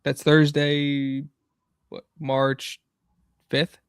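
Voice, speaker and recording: A man's voice: on the high side, monotone, drawn-out words, smooth, no echo, studio quality. A man co-hosting a casual sports podcast, talking in a chatty, rambling way with many fillers. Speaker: podcast co-host.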